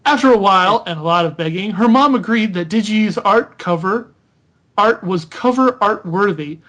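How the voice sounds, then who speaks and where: A man's voice: high voice, moderate pace, fairly bright tone. A man hosting an unscripted podcast critique, reading a character bio aloud and stopping to mock and correct it. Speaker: podcast host.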